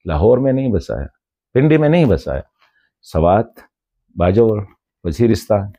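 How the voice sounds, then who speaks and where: Low, animated man giving pointed commentary. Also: no echo. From Khyber Pakhtunkhwa, Pakistan. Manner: rhetorical, reproachful yet respectful, addresses a colleague by name. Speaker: journalist and commentator. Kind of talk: direct-address commentary video.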